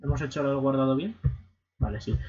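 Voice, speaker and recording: A young man commenting casually on a video game stream, swearing and breaking into excited shouts. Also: medium pitch, a little fast, husky. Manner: excitable, swearing, bursts into shouts and silly voices. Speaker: gaming streamer. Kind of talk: casual let's-play commentary. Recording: lo-fi stream mic audio.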